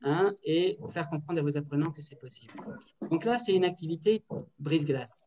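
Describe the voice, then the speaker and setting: A woman teacher trainer leading an online workshop, lively and directive, often checking in with the group over a video call. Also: low voice, moderate pace, muffled recording. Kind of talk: online workshop on classroom activities. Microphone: computer mic on a video call. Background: building works next door.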